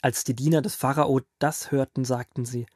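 A man takes on the role of a grandfather, calmly reading a Bible story aloud as a storyteller in a children's audio drama. His voice is natural and mid-range, and he speaks at a normal speed.

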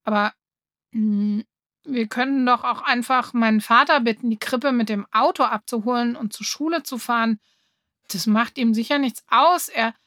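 Woman reading as an enthusiastic schoolgirl, bubbly, fairly high, dry close sound. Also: moderate pace, fairly bright tone, dry recording, close to an everyday voice. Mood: hesitant. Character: eager cheerful schoolgirl. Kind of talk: audiobook reading.

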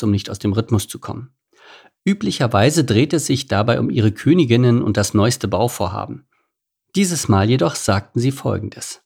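A man narrating a children's animal story in a calm, measured storytelling manner. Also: fairly low pitch, gravelly. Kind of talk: scripted audiobook narration.

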